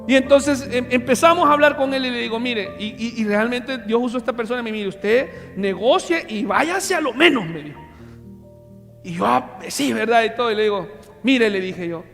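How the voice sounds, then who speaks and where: A man's voice: very high-pitched, brisk, creaky, a bit bright. A man, a pastor giving a sermon and telling a personal testimony, acting out dialogue and calling to the congregation. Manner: storytelling, acts out dialogue, calls to congregation. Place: church hall. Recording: reverberant church hall with music.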